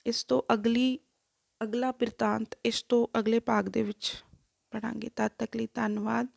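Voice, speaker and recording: A woman narrating a devotional life story in a measured, reverent way. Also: on the high side, flat delivery, gravelly, a little mellow, dry recording, studio quality.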